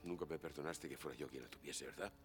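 A man's voice: extremely low pitch, fast talker, over music. An actor from Spain playing a tense, guilt-ridden man desperate for answers in a film drama. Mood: guarded, suspicious. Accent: Spanish, from Spain.

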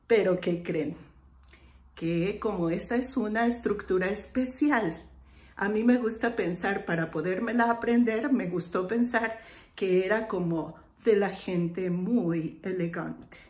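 Slow, patient woman teaching English. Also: medium pitch, a little mellow, echoey room. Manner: slow, patient, repeats example phrases deliberately. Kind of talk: online lesson explaining grammar.

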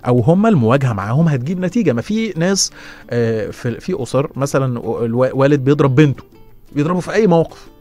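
A middle-aged man with an Egyptian accent, hosting a casual radio advice show and answering listeners, with quick restarts and lively asides. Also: mid-range voice. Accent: Egyptian Arabic. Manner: fast, lively, stumbling restarts and laughs. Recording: radio studio with faint music behind.

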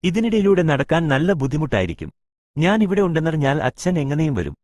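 A man reading a first-person short story aloud with an expressive storytelling delivery. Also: a little high, fairly quick, dry recording, clean studio sound.

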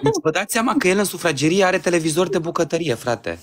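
A man's voice: a little high, expressive. A man hosting a live stream, joking and mocking his rival in casual banter. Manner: teasing, mocking. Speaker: livestream host.

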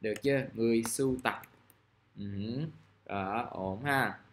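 A man's voice: medium pitch, unhurried. A male English teacher, explaining a vocabulary lesson patiently and repeating key words while checking in with his students.

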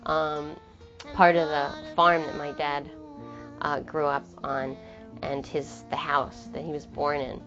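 A woman singer-songwriter in New York speaks casually in an interview, her low voice level in tone and slow-paced. She rambles, restarting and trailing off in her thoughts, while the muffled, lo-fi audio carries clearly audible guitar music underneath.

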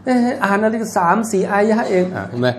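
A man's voice: high voice, very animated, fast. A man giving a religious lecture in a mosque, explaining in a conversational way with jokes and asides, and chanting scripture passages. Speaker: Islamic lecturer. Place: mosque hall.

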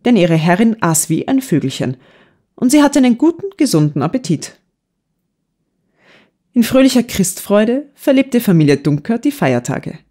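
A woman narrating a classic novel in an audiobook with an even storytelling voice. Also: on the low side. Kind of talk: scripted narration.

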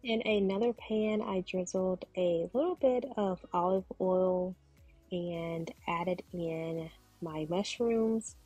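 Breathy woman narrating a cooking video. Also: lowish voice, slow, dry recording, highs cut off, faint music behind. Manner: calm, step-by-step explaining. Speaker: cooking vlogger.

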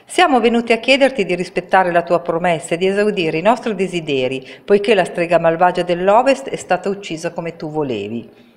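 A woman's voice: fairly low pitch, lively intonation, a little fast, natural voice. A woman voicing a brave, earnest young girl who speaks insistently. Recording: reverberant room.

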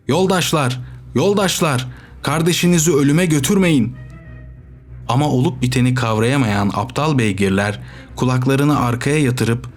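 A man reading a novel aloud as audiobook narrator, with steady, measured storytelling. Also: medium pitch. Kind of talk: scripted narration.

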